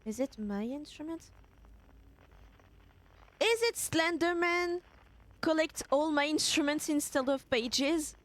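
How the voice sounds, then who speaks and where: A woman's voice: sits high, lively intonation, slow pace, long pauses. A young woman streaming a game, musing aloud and asking herself questions as she plays. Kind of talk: casual gameplay commentary.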